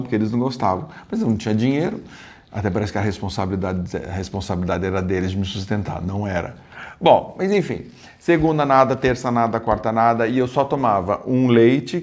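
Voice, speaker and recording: A man from Brazil at an ordinary mid pitch recounts a travel story straight to camera. He talks in a lively, meandering way, jumping up and down in pitch and loudness. He keeps restarting his sentences and adding asides as he goes. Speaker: travel vlogger. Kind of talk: casual storytelling.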